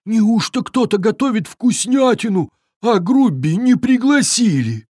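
A storyteller voicing a greedy, not very clever, always hungry forest troll who mumbles in a high, whiny voice. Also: expressive, a little slow, darkish tone, breathy edge, no echo, clean studio sound. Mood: grumbling.

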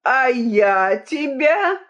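The storyteller voicing a pompous, quick-tempered fat king in a storybook reading, shouting indignantly, on a dull lo-fi recording. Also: mid-range voice, very animated, breathy edge, full character voice. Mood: furious.

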